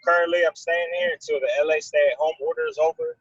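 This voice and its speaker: A man's voice: on the high side, huge pitch swings, fast talker, fairly bright tone, husky, dry recording, highs cut off. A young man from Texas introducing himself on a casual video call, laid-back and rambling. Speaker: guest, amateur boxer.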